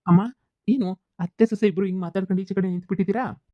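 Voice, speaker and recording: Man voicing a pleading soft-hearted son. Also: sits high, steady tone, fast, dry recording, muffled recording, voice pushed up, close to an everyday voice. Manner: pleading, placating. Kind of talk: cartoon comedy dubbing.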